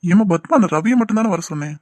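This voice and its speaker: A man plays a calm, reassuring middle-aged father in a cartoon drama, who speaks in a fairly high register. He talks patiently and slips in English words. The sound is close and dry, with no room around it. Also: racing, dry recording, natural voice. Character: middle-aged father, calm, then worried over lost money. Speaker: doctor and father.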